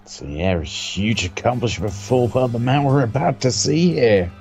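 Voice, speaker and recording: A man co-commentating on wrestling with live play-by-play in a gravelly voice. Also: medium pitch, expressive, moderate pace, darkish tone, faint music behind.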